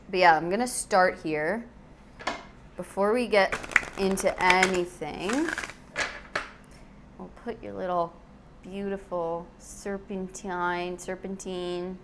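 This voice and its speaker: Hosting a chatty tarot reading on camera, this channel host speaks to viewers in a warm, gushing, affectionate way. Her voice is fairly low, and the recording carries a little hiss or hum.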